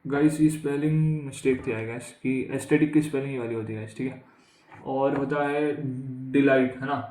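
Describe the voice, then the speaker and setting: In this exam vocabulary lesson, a man with an Indian accent speaks in a mid-range, mellow voice with a steady tone and moderate pace. He keeps things conversational, repeating questions to his students and addressing them as "guys." The recording is rough and reverberant, with slight background noise.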